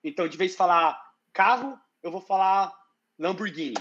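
A man's voice: high voice, normal speed, a bit bright, a little hiss or hum. Rambling São man on dull call audio. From Brazil. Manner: rambling, with many restarts and slang fillers. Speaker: interview guest. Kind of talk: casual live-stream chat.

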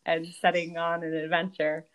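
A woman with a very low, smooth voice hosts a relaxed interview. She asks thoughtful follow-up questions, pausing to find her words. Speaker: podcast host.

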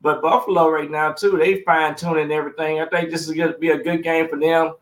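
A man talks football in a loose, rambling way, circling back and repeating words as he works toward his point. His voice sits a little high for a man. The room around him rings with echo. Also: little pitch movement, fast talker. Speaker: sports talk co-host. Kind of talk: casual sports talk.

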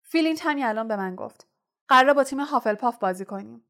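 A woman's voice: fairly high pitch, lightly acted. A woman voicing an intense, stern teenage boy team captain who talks urgently in a clipped, insistent way, in a storybook reading. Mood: bitter.

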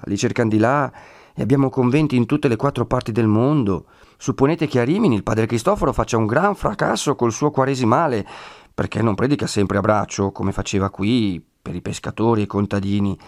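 A man's voice: mid-range voice, no echo, clean studio sound, close to an everyday voice. A man reading a classic Italian novel aloud and voicing a chatty, self-assured friar who lectures in a reassuring way.

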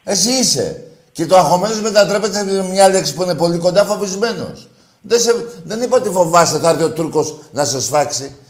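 A male radio sports host needling a caller in call-in banter, teasing and quick to get heated. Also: high-pitched, lively intonation.

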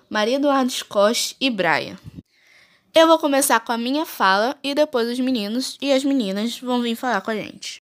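Woman reading a school podcast script. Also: a little high. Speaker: presenter of a school geography podcast. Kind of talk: read-aloud school presentation.

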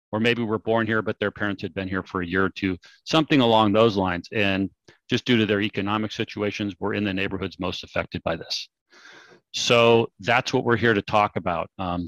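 A Californian podcast host in his forties explains things casually and conversationally. His voice is lowish with a fairly bright tone, and the audio is poor but free of room sound.

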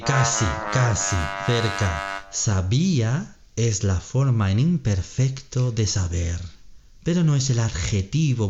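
Brief male quiz host, patient explainer, lively animated pitch. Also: dull audio. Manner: reads options slowly, explains grammar patiently, laughs often. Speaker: podcast co-host running a quiz. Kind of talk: slow, clear Spanish-lesson quiz chat.

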